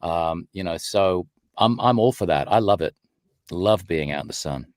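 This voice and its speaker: Lively middle-aged Englishman, low dry voice. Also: no room sound. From London, UK. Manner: lively, quick to laugh, joking. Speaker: guest. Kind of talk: casual livestream chat. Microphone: studio mic with pop shield.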